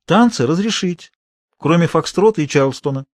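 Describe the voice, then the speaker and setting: A man's voice: fairly high pitch, animated, moderate pace, no room sound, studio quality, pitched above the performer's own voice, natural voice. A man voicing an earnest Soviet schoolgirl activist who speaks firmly and lectures. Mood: lecturing. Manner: firm, lecturing.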